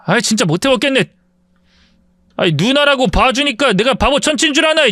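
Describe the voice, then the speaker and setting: Male narrator voices a sneering, whiny young bully, pitched up. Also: animated, brisk, bright, forceful tone, no echo, clean studio sound, exaggerated voice. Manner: sneering, whining.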